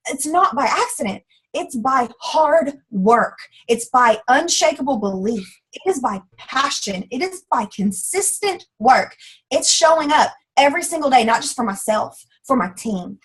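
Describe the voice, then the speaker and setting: A woman from the American South delivers a fast, emphatic motivational talk as a guest speaker, pushing her listeners hard. Her voice sits a little high and has a husky edge. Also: expressive, low-quality recording. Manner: loud, fast and emphatic, preachy pep talk.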